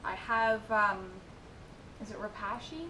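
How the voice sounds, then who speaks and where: A woman's voice: fairly even intonation, slow pace. A twenty-one-year-old woman chatting casually as she reads out and answers viewer questions, with giggly asides. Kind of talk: casual Q&A chat. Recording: echoey room with noisy rumble.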